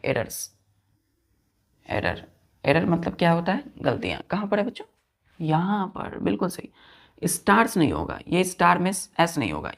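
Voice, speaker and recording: A man's voice: fairly high pitch, gravelly. A man leads an online grammar lesson in a patient, repetitive way. He often asks his students whether they have understood. He mixes English terms into his explanations. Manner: asks students repeated check questions. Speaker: teacher.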